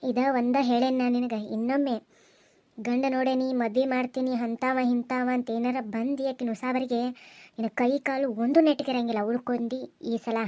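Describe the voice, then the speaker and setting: Lady doing a tough cartoon village aunt, north karnataka accent, highish mellow voice, yells at people. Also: close to an everyday voice. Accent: North Karnataka Kannada. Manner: scolding, threatening, loud. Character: stern protective village aunt, middle-aged woman.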